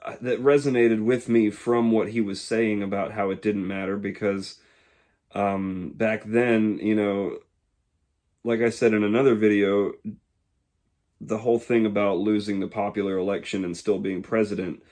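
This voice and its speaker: Halting, low-voiced young man. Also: little pitch movement, darkish tone. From Georgia, USA. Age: 20s. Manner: halting, reflective, pauses often. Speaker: YouTuber. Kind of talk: casual monologue to camera.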